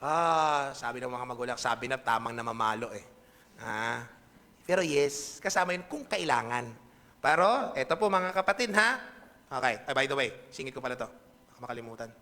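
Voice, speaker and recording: A man's voice: mid-range voice, lively intonation, normal speed, bright, forceful tone. A pastor with a Filipino accent preaching a conversational sermon to his congregation, checking in with them often. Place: church hall. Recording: echoey hall reverb.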